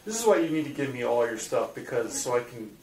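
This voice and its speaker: A man's voice: medium pitch, sing-song, fast. A man conducting an interview, asking short questions in a casual conversational style. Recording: echoey room, distant mic, faint noise.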